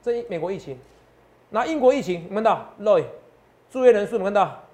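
Fast-talking, boastful market analyst. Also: male voice, high-pitched, animated, a little mellow. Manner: boastful, peppered with rhetorical questions. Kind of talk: finance talk show commentary.

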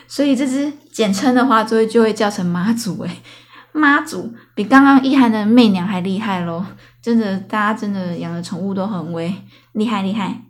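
Brief: young woman, Taiwanese Mandarin accent, solo podcast host, playful and chatty, mid-pitched. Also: moderate pace, background noise. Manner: playful, chatty, giggly asides. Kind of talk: casual solo podcast chat.

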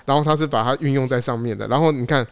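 Male co-host, quick explainer, mid pitch, casual. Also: smooth. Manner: explanatory, chimes in with short agreements. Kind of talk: casual podcast chat.

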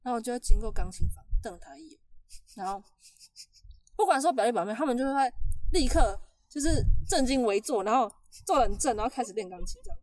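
A woman telling a story in casual chat, animated and laughing often. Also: mid-range voice. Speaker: podcast host telling a story.

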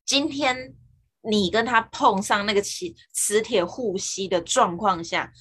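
A woman guest in a casual chat, speaking in a calm, reflective way. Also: mid-range voice, measured pace, slightly rough.

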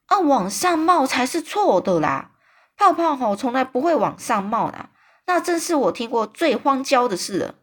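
A woman voicing a big friendly male giant who exclaims and stretches his words out slowly. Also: medium pitch, animated, lightly acted. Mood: excited. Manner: exclaiming, drawn-out slow emphatic phrasing.

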